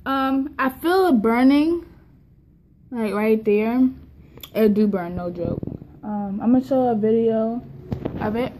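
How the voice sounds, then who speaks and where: High-voiced young woman, tongue-piercing lisp. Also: slow, pauses often, dark tone, poor audio. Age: young adult. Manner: slightly impeded, lisping speech from a fresh tongue piercing. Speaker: vlogger. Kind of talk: casual, profane vlog chat. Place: indoors in a kitchen. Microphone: phone at arm's length. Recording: clear background room noise on phone recording.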